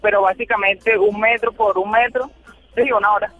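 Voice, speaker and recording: A Venezuelan man calling a radio show, speaking haltingly with many fillers. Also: high-pitched, little pitch movement, soft background music. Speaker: caller. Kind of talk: radio call-in chat. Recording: dull phone-line call.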